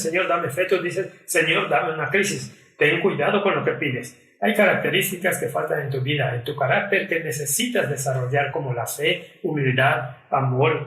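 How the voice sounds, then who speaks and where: A man's voice: on the high side, fairly bright tone, far from the mic. Man, preacher, earnest sermon, acts out quoted lines, echoey hall, off-mic. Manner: earnest preaching, acting out quoted prayers and complaints.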